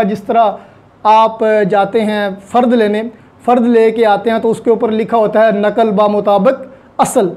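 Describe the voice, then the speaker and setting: Speaking with a Pakistani accent, a woman teaches law in an explanatory online lecture, using everyday examples and English technical terms in a didactic manner. Her pitch is fairly high, though her tone is dark.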